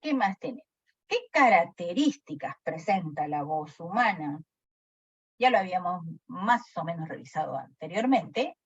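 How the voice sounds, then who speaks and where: A woman's voice: fairly low pitch, normal speed, breathy edge, no echo. A woman teacher giving a lecture who keeps asking her class questions. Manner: animated, asks the class questions often. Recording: dry, dull lo-fi sound.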